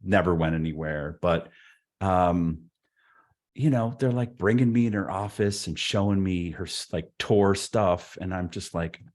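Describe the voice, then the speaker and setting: A man's voice: sits low, unhurried, darkish tone. A man being interviewed who tells laid-back, wry stories about his career in a casual way, with many restarts and fillers. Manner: rambling with frequent restarts and fillers. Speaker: guest. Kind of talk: casual anecdotal storytelling.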